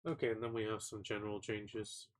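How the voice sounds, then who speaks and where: A man's voice: on the low side, flat delivery, fairly quick. A man with a cold talks through game patch notes in a casual, offhand way. His voice is stuffy and nasal, and he trips over words as he goes. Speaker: gaming content creator.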